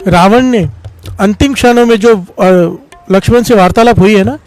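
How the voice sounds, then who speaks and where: High-voiced Sikh preacher. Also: male voice, moderate pace, a little mellow, dry recording, faint music behind. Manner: calls out responses from the congregation. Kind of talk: devotional sermon with storytelling.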